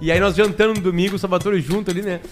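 A man's voice: high voice, fairly even intonation, very fast, soft background music. A man, a father telling rambling family anecdotes on a casual podcast. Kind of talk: casual chat.

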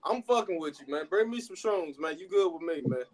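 A man's voice: high voice, expressive, a little fast, a little mellow. A man co-hosting a sports podcast, teasing and trolling in a laid-back casual chat. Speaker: podcast co-host.

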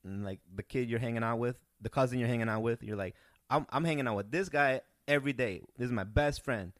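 A young man from Peru, a comedian, telling rambling, animated stories in a casual podcast chat. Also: mid-range voice, quick pace, dry recording, clean studio sound. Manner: rambling, animated storytelling with restarts. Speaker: guest comedian.

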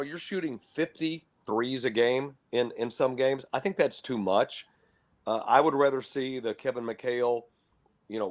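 An older man, a veteran sports broadcaster, answers questions in a casual interview. His speech is even and standard, with no regional twang. He is measured and opinionated, and his voice sits at an ordinary middle pitch. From Lubbock, Texas. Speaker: guest, longtime basketball broadcaster.

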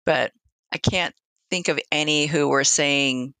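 A woman's voice: low-pitched, a little slow, a bit bright, smooth. A woman speaking as a hospice nurse and interview guest, reflectively sharing anecdotes in conversation and acting out quoted exchanges. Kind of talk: conversational storytelling.

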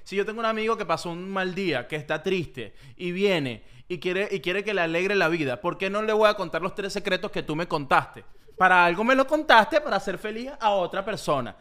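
A man's voice: high-pitched, animated, normal speed, a bit bright. A man co-hosting a podcast in playful, jokey casual chat. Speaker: podcast co-host.

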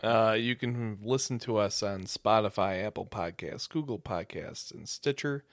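A man's voice: lowish voice, unhurried, dry recording. A man in his thirties co-hosting a podcast in casual chat, teasing and contradicting his friends. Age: 30s. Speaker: podcast co-host.

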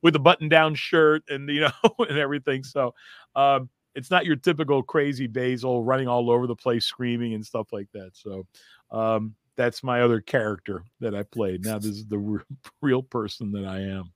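A man's voice: medium pitch, fairly even intonation, normal speed, no room sound, studio quality. A man who is a comedian, talking in a casual interview in a rambling, chatty way and laughing often. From United States. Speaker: comedian guest.

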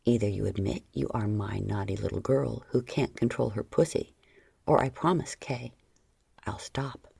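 Stern commanding man, a woman voices him, low gravelly half-whisper, dark tone. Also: steady tone, moderate pace, no echo, exaggerated voice.

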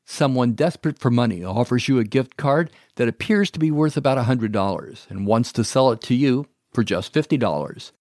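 A man hosting a show, reading a scripted narration in a measured, wry way. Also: medium pitch, animated, darkish tone, dry recording, clean studio sound. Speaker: host.

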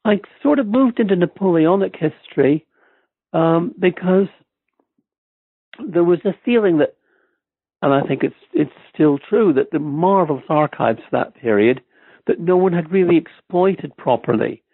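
A guest historian from Ireland is interviewed on a podcast, speaking with an Irish accent in a fairly high, husky, animated voice at a moderate pace. He's hesitant, with many ums and restarts. There's no room sound, though the line is tinny and phone-like.

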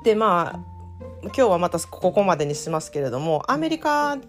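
Kansai accented woman chatting on her podcast, animated and self-mocking, faint music underneath. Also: fairly low pitch, moderate pace. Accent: Kansai Japanese. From Japan. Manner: chatty, animated, self-deprecating, acts out quoted exchanges. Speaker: podcast host. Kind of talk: casual solo podcast storytelling.

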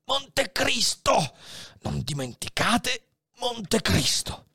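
A man's voice: a little high, very animated, moderate pace, no echo, studio quality. A man voicing a dying old priest in a dramatic reading of a novel, speaking weakly and often dropping to a whisper. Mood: fading, solemn. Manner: weak, hushed, often whispering. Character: dying old male priest, frail and solemn.

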